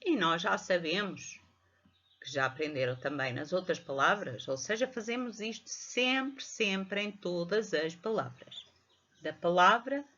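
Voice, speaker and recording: A woman's voice: lowish voice, a bit bright. A middle-aged woman with a European Portuguese accent teaching a reading lesson to young children, patiently spelling out syllables. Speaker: primary school teacher. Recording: dull lo-fi home recording.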